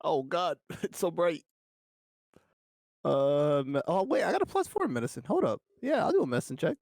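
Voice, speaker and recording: A man's voice: on the high side, big pitch swings, quick pace, darkish tone, no room sound. Man, player, out of breath, giggly, self-deprecating, dry sound. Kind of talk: tabletop game chat.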